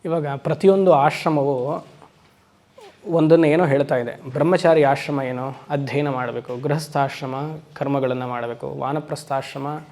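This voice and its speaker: A swami teaching Vedanta to a class. He keeps putting questions to his listeners and slows down for emphatic English phrases. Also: medium pitch, steady tone, darkish tone. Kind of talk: spiritual lecture to a class. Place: lecture hall.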